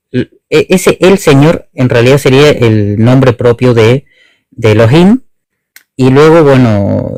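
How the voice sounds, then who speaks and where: A man's voice: mid-range voice, a little mellow, dry recording, poor audio. Guy on a video call explaining stuff as a teacher, keeps restarting his sentences, dry sound. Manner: hesitant, many restarts and rephrasings. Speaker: guest Hebrew teacher. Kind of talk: online debate explanation. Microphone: online video call.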